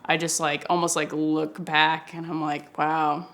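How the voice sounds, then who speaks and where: A woman with a slightly low voice reflects casually as an actor being interviewed. She speaks haltingly, searching for words and breaking her sentences into fragments. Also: flat delivery, fairly bright tone.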